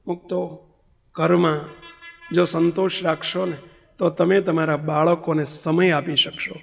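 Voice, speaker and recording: A man's voice: a little high, gravelly. A man, a spiritual leader, giving a storytelling sermon and putting rhetorical questions straight to his listeners. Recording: long reverb of a large hall.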